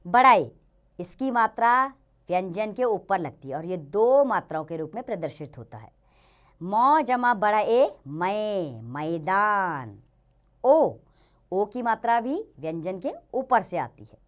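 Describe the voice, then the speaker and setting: A woman teaching a children's Hindi grammar lesson, slowly sounding out each letter and example word and speaking to the children directly. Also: medium pitch, sing-song.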